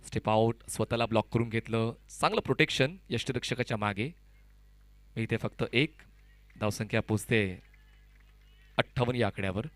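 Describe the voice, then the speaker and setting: A man gives analytical cricket commentary. His voice is bright and clear, with no room sound around it. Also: medium pitch, normal speed, long pauses, no room sound.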